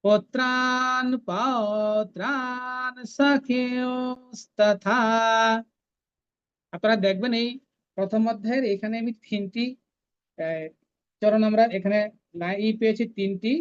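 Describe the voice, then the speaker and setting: A woman teaching a scripture recitation class, chanting each verse slowly and then explaining how to pronounce it. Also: mid-range voice, mellow, lo-fi sound.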